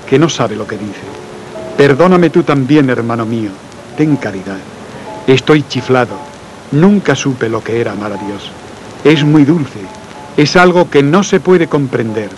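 A man reads devotional letters in a soft, earnest, intimate voice, letting phrases fade quietly. His voice sits at a middling pitch. Faint music and the patter of rain run underneath. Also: moderate pace, poor audio. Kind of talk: slow devotional reading.

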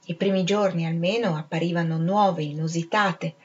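A woman's voice: fairly low pitch, muffled recording. Woman narrating a literary audiobook. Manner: measured, expressive reading. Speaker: reader.

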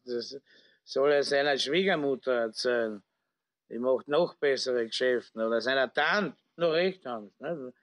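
A man's voice: medium pitch, natural voice. A man playing a drunken, boastful, corrupt Austrian lieutenant colonel, slurring and repeating himself like a town drunk in a satirical reading. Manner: slurred, rambling town-drunk babble, repeating and breaking off words.

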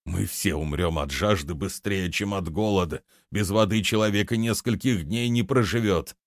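A man's voice: deep voice, normal speed, dry recording, clean studio sound. A man doing a sulky, complaining fat shopkeeper. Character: stout, whining middle-aged male shopkeeper. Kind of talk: audiobook character reading.

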